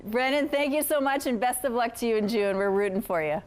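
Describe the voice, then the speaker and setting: A woman's voice: fairly high pitch, fairly quick, a little mellow. A woman presenting and asking questions as host of a broadcast morning news interview.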